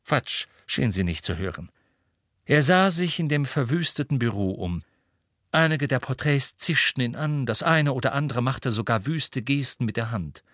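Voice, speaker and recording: A man narrating an audiobook with steady, expressive storytelling. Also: mid-range voice, normal speed, no echo, studio quality. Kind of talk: audiobook reading.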